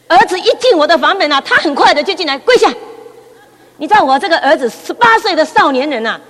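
A middle-aged woman gives a church testimony, telling her story in a lively way and often repeating her words. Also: sits high. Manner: lively storytelling with frequent repetitions. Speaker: church speaker giving testimony. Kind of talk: personal testimony. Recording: long reverb in a hall.

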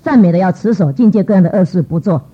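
Husky church lady telling a testimony, does little voices for people, kinda muffled recording. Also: quick pace. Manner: lively, acts out quoted voices with pitch jumps. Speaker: church speaker giving testimony. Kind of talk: storytelling testimony talk. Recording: dull lo-fi recording.

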